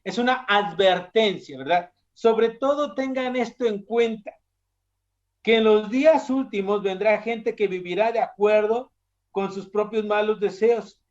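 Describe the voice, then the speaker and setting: A man's voice: high voice, measured pace. A young man from Mexico preaching a sermon in a conversational way, often putting questions to his listeners. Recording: dull lo-fi sound.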